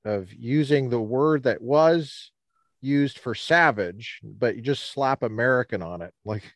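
A man from Colorado co-hosting a casual talk show, talking in a rambling, halting way with many restarts, standing outdoors by the ocean on a cold day. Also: mid-range voice, dry recording. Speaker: podcast co-host. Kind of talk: casual chat.

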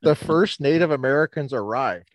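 This medium-pitched man from Colorado keeps restarting as he rambles through a casual chat he co-hosts for a podcast. He's standing outside by the ocean on a cold day, and there's no room sound.

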